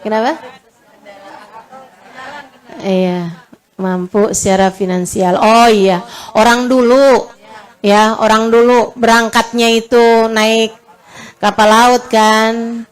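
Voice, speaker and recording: Speaking slowly with frequent pauses, this woman preacher has a high-leaning, flat but clear and resonant voice, with a faint crowd audible. Her Islamic sermon is emotional storytelling mixed with chatty jokes, addressed to her listeners as friends, and she drops to a hush when quoting comfort.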